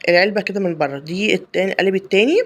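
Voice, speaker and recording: Woman, Egyptian Arabic accent, home cooking host, fast talker, chatty, explains step by step. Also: mid-range voice. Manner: chatty and explanatory, many fillers and restarts. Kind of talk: casual cooking tutorial voice-over.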